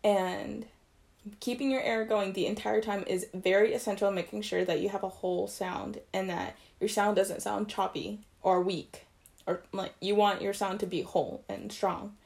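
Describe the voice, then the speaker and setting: A woman's voice: medium pitch, steady tone, moderate pace, vocal fry, a little mellow. A young woman and trumpet player teaching articulation basics in a casual video, chatty and correcting herself as she goes. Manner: chatty, self-correcting, loose explanations.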